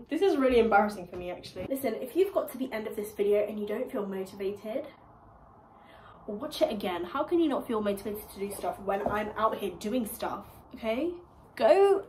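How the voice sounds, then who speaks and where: Talking to her propped-up phone camera, this young woman keeps her vlog loose, meandering and self-mocking as she moves between a small kitchen and a bare room. Her medium-pitched voice is slightly mellow, though she's breathless and congested. There's echo from the room and a little background hiss or hum.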